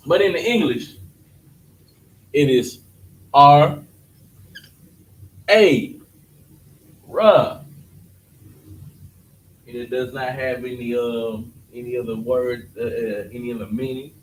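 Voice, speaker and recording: He speaks in a mid-range voice, slowly and with frequent pauses, while casually teaching alphabet letters and often checking his students' understanding. Expect an echoey room, a distant microphone, and faint noise.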